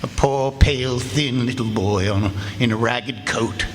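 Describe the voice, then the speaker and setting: A man playing old miser Ebenezer in a live radio drama, wistful, remorseful and halting, full of exclamations and repetitions. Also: medium pitch, close to an everyday voice. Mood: sorrowful. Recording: live stage performance with loud music.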